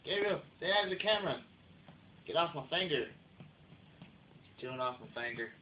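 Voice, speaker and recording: A man's voice: a little high, animated, normal speed, reverberant, lo-fi sound, a little hiss or hum. A man talking playfully to his newborn son while filming at home, heard on an old VHS home-video tape. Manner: playful, coos at the baby.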